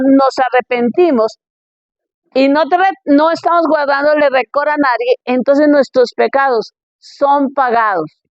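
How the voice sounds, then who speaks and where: High-voiced woman preaching. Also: dry recording, muffled recording. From Colombia. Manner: reads Bible verses, checks in with "¿ok?".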